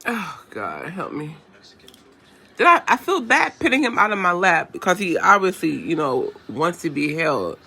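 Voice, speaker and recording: A woman's voice: lowish voice, animated, normal speed, gravelly, few pauses, bright, forceful tone, slightly rough. A woman vlogging in a loose, informal way, talking straight to her viewers from her home kitchen. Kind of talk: casual how-to vlog chat.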